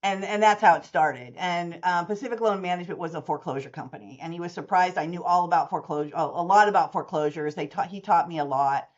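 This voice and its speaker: This woman talks fast with few pauses in a fairly low voice, captured with lo-fi sound. In her sixties, she owns a mortgage services company and, in a long-form interview, acts out the people in her stories as an animated storyteller.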